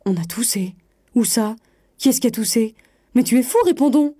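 A woman voicing an excitable wife woken in the night, raising her voice in shrill indignation. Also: moderate pace, slightly rough, no room sound, studio quality. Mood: outraged. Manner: shrill and outraged, exclaiming.

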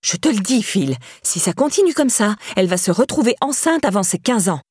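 A woman's voice: mid-range voice, sing-song, a little fast, a little mellow, slightly rough, dry recording, clean studio sound. A woman voicing a scornful, hard-faced stepmother who sneers and needles. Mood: contemptuous.

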